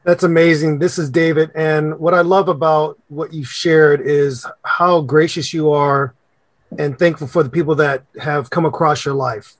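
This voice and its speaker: A man co-hosting an interview, praising his guest in measured phrases before asking a question. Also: fairly high pitch, steady tone, no room sound. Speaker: co-host. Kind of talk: casual interview.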